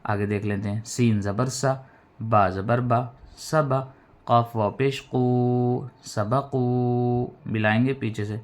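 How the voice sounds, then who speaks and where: Man teaching Quran reading, slow syllables. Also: mid-range voice, steady tone. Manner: spells out syllables slowly, drawing out the vowels; patient, encouraging explanations. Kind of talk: recorded reading lesson.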